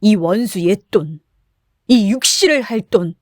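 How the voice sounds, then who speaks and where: A woman voicing a drunk, coarse middle-aged man who shouts boastful curses. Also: a little high, big pitch swings, a little slow, dry recording, clean studio sound. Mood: drunken bluster.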